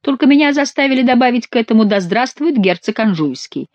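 A bitter young courtier, indignant and sarcastic, voiced by a woman reader. The voice is raised in pitch, and the recording is dry and a little dull. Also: animated, brisk, darkish tone, no room sound, lightly acted.

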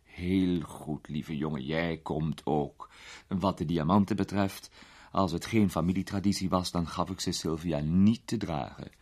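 A man voicing a sharp-tongued old duchess and grandmother, gossipy and doting, in a storybook reading. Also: sits low, measured pace. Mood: tart.

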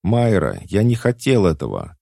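A man's voice: very deep voice, sing-song, normal speed, vocal fry, no room sound, clean studio sound, exaggerated voice. A man voicing a troubled, hard-drinking former agent in an audiobook, tense and worn. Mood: shouting. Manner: tense, shouting in his sleep.

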